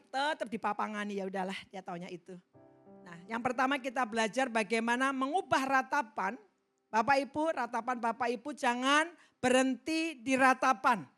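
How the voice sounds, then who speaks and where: A middle-aged woman pastor preaching a sermon, emphatic, swinging from loud exhortation to soft asides. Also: mid-range voice. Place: large church hall.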